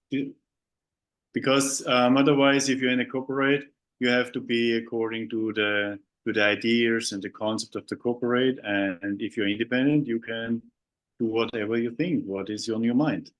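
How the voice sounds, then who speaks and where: A man hosting an interview podcast, his voice sitting at an ordinary middle pitch. He asks his questions haltingly, often stopping to repeat a word or restart a phrase. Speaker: podcast host. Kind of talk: conversational interview.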